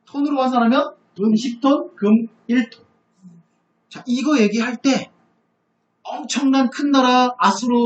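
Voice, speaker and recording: High-voiced man teaching in an echoey room. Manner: animated storyteller who asks rhetorical questions. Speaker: Bible teacher. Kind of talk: live Bible lecture. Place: lecture room. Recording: echoey, dull lo-fi lecture room recording.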